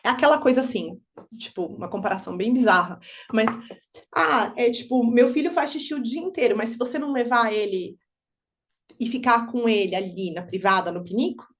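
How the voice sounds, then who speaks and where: A parenting educator lectures parents about children's emotions. She's animated, acting out both kids and parents in quick, high voices.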